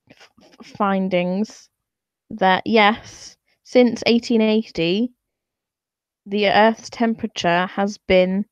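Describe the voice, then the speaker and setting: A woman's voice: mid-range voice, clear, resonant tone, dry recording, dull audio. A woman talking to camera in an opinionated vlog, exasperated and sarcastic, swearing freely as she reads out and explains graphs. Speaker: vlogger.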